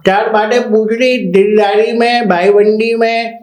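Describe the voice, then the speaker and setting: A man, a podcast guest who jokes and teases in brash, rapid banter and talks over the host. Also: high voice, fairly even intonation, a little mellow. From Karachi, Pakistan. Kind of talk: joking banter. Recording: roomy studio echo.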